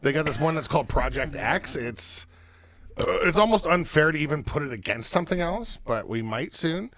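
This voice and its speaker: A man hosting a casual podcast from a basement studio, loud, crude and goofily enthusiastic. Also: on the high side, lively intonation, normal speed. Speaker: podcast host.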